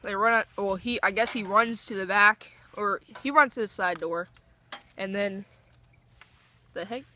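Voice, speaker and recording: A woman's voice: medium pitch, measured pace, bright, forceful tone, slight background noise. A young woman telling a storytime vlog in a casual, rambling way, full of fillers and restarts. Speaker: vlogger.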